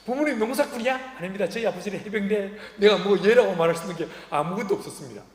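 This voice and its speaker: High-voiced pastor in an echoing hall. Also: male voice, rapid-fire. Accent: Korean. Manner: humorous, acts out quoted dialogue. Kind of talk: sermon with storytelling. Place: church sanctuary. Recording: echoey hall reverb.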